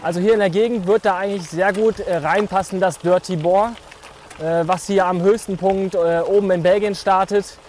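A man, a cycling expert, calmly explaining while riding outdoors. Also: sits high, normal speed, a little hiss or hum. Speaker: gravel and road cycling expert. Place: outdoors on a group bike ride.

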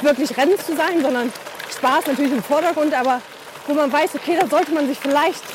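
A woman's voice: high voice, fairly quick. A woman hosting her vlog, chatting and asking questions while cycling outdoors with friends. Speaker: vlogger and host. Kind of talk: casual chat while cycling. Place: outdoors on a group bike ride. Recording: loud outdoor wind and traffic noise.

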